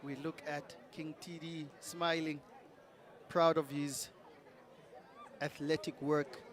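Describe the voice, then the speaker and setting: A man's voice: a little high, little pitch movement, slow, a bit bright. A man giving live boxing commentary. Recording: live event, music and crowd noise. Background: music and crowd.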